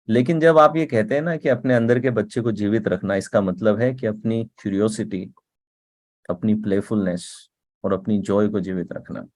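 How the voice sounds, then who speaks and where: Here a man with a slightly mellow voice on the low side offers motivation in a chatty manner. Words get repeated for emphasis, and he frequently checks in with "ठीक है?" or "right?".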